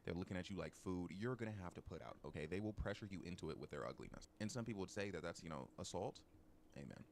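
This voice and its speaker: Fast-talking man with a very deep voice. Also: lively intonation, vocal fry, a little hiss or hum. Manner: mock-advice delivery with dramatic asides. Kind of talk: joking casual chat.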